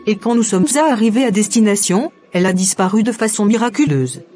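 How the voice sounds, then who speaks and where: In a cartoon drama with music beneath her scripted lines, a woman plays a devout, trusting young woman, sounding earnest and insistent. Her natural, dark-toned voice sits at a typical female pitch and is animated and a little fast.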